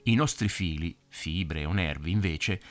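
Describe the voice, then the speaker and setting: A man reading a children's story aloud, explaining things gently as if talking to a child. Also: low voice, measured pace.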